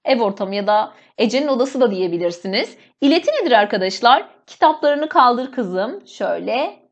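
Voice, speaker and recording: A woman's voice: mid-range voice, very animated, brisk. A woman teacher going step by step through an exam, explaining each answer to her students. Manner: explains step by step, often addresses students as "friends". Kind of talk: exam walkthrough lesson.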